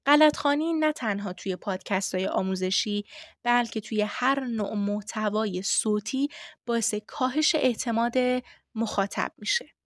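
A woman hosting a podcast lesson on voice work, explaining things clearly and step by step. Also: mid-range voice, no echo, clean studio sound. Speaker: voice-acting teacher.

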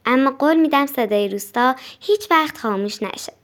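A woman's voice: high-pitched, expressive, a bit bright. A woman voicing a shy village schoolgirl.

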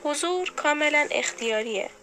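An actress voicing a composed school principal who speaks in a measured, firm and authoritative way. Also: female voice, sits high, expressive, pushed and bright. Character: composed adult woman school principal, firm but kind. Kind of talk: audio drama acting.

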